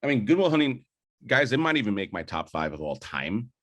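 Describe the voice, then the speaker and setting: Here a young man's low, fairly bright voice comes across as very animated and brisk. Co-hosting a podcast, he enthusiastically debates films, circling back with restarts and filler words.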